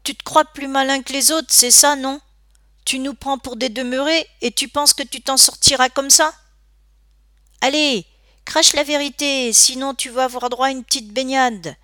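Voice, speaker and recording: A woman's voice: sits high, steady tone, moderate pace, bright, forceful tone, dry recording, studio quality, pitched above the performer's own voice. A woman voicing a mocking, aggressive teenage boy bully in an audiobook. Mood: menaçant. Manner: taunting, aggressive.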